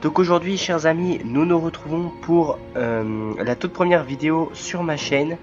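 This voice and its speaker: Casting note: man, under the weather, hosts his game let's play with halting commentary full of fillers. Lo-fi home mic, soft game music under him. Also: fairly high pitch. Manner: hesitant, many filler pauses. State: sick, voice cracking. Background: faint game music.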